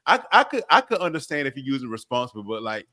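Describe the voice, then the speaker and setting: Male co-host, mid pitch, emphatic, stumbles over words, dry close sound. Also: sing-song, quick pace, sharp tone, no room sound. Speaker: podcast co-host. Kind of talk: casual chat.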